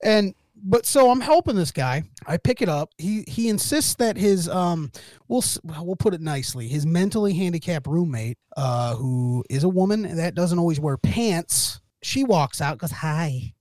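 A man with a slightly raised pitch tells a long, meandering story on a casual podcast, full of profanity and acted-out dialogue. His voice sits close and dry on the mic. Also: expressive, moderate pace, darkish tone, no echo. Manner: rambling anecdote with profanity and quoted dialogue. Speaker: podcast co-host.

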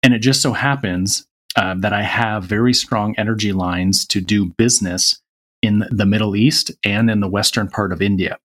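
A man with a very low, deep voice speaks as a podcast guest. He talks in an earnest, reflective way, in relaxed conversation. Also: normal speed. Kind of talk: casual conversation.

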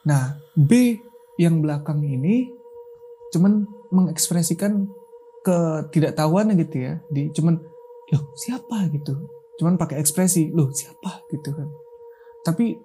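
A man's voice: fairly high pitch, lively intonation, a little slow, pauses often, mellow, soft background music. A man casually telling a true horror story, checking in often to see that his listener follows. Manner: chatty, keeps checking the listener follows with filler tags. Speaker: guest storyteller.

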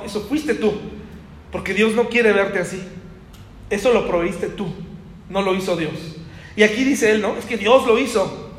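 Hombre, pastor, acento mexicano, sermón, tono conversacional, voz aguda, reverberación larga de sala. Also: male voice, sits high, a little hiss or hum. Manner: conversational, asks the congregation rhetorical questions. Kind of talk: sermon. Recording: echoey hall.

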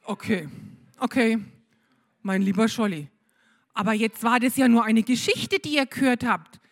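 A woman, leading a church service for children with slow, expressive storytelling. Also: on the high side.

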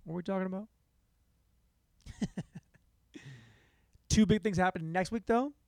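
A young man hosting a solo comedy podcast, rambling in a sarcastic, self-mocking way, jumping between loud bursts and mumbled asides. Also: high-pitched, measured pace, gravelly, dry recording, studio quality. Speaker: podcast host.

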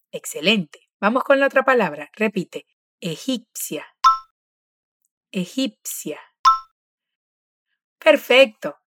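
Woman, encouraging pronunciation teacher, slow clear drills, dry close sound. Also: on the high side, dry recording. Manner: patient, encouraging, models words slowly. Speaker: language teacher.

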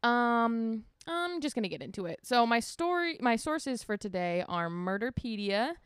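A woman's voice: a little high, sing-song, normal speed, clear, resonant tone, no echo, clean studio sound. A woman co-hosting a podcast, chatting casually and telling a true crime story, laughing and swearing now and then. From Washington state. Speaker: podcast co-host.

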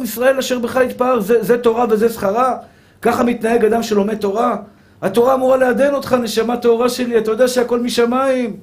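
A rabbi preaches with fervor, driving each point home by repeating it and calling out to his listeners as brothers. His voice sits high for a man. He trips over his words now and then when he restarts a phrase. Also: a little mellow. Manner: fervent, repetitive preaching that addresses listeners as brothers. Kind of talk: sermon.

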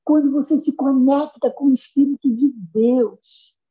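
A woman preaching a sermon with fervent, emphatic delivery that climbs high at its peaks. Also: a little slow, mellow. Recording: dull lo-fi sound.

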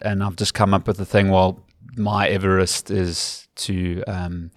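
Low-voiced man, dry sound. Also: level tone, unhurried, no room sound. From South Africa. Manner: earnest, explanatory storytelling. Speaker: rugby commentator, guest. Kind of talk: casual interview chat.

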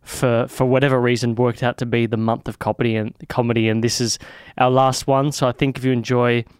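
A man's voice: medium pitch, little pitch movement, fairly quick, clear, resonant tone, no echo, studio quality. A man hosting a podcast in a chatty, friendly way. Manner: chatty, friendly, restarts often. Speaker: podcast host. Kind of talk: casual podcast chat.

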